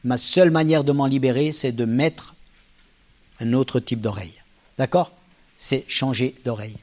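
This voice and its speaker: A man giving a public talk, telling stories with lively energy and acting out quoted dialogue in casual, slangy speech. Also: mid-range voice, moderate pace. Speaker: lecturer.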